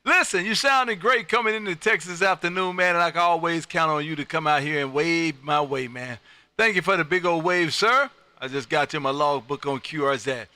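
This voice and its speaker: A man's voice: fairly high pitch, moderate pace, pushed and bright, dry recording. A man working ham radio contacts with a hearty, friendly manner and punchy sign-offs, close on the mic. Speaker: amateur radio operator running contacts. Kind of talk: ham radio calling and chat.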